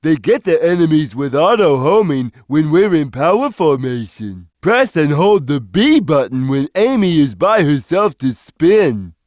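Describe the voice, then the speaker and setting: A man voicing a big, gentle, simple-minded cartoon cat who explains things slowly and plainly, as a video game character. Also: a little high, very animated, dry recording, clean studio sound. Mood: friendly, earnest. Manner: slow, simple, deliberate instructional delivery. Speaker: video game character giving tutorial hints. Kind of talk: scripted game tutorial voice lines.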